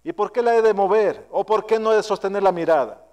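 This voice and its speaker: A male pastor preaching an earnest, self-searching sermon, his voice often trailing low and soft at the ends of phrases. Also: fast talker. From Mexico. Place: church sanctuary. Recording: long hall reverb.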